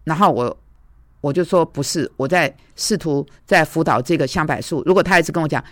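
A woman's voice: low-pitched, brisk, no echo, studio quality. A woman preacher giving a conversational, storytelling sermon, recounting arguments and dialogues from her own life.

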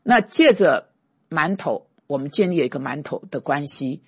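A middle-aged man, a pastor and teacher telling personal stories in a conversational sermon, emphatic and given to forceful bursts. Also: a little high, expressive, moderate pace, creaky, breathy edge, no echo, clean studio sound.

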